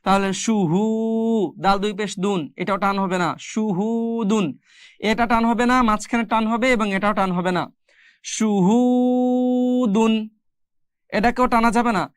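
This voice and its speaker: A patient Quran reading teacher leads a step-by-step recitation lesson, naming each letter and vowel mark one by one before slowly drawing out each word and explaining directly to viewers. Her voice is middle-pitched, steady, a bit bright and smooth, recorded close and dry with no room sound.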